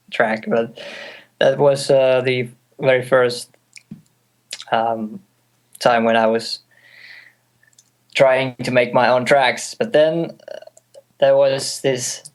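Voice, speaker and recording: A man in his twenties from Finland, a native Finnish speaker, talking in a casual interview on a call, hesitant with many fillers, restarts and light laughs. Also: mid-range voice. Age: 20s. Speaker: guest music producer. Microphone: call audio.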